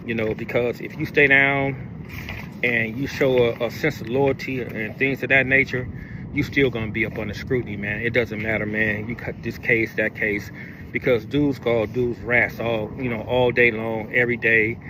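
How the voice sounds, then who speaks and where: A man's voice: mid-range voice, little pitch movement, moderate pace. A man giving casual commentary, repeating himself and leaning on fillers as he talks. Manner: repetitive, filler-heavy talk. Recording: street noise behind voice.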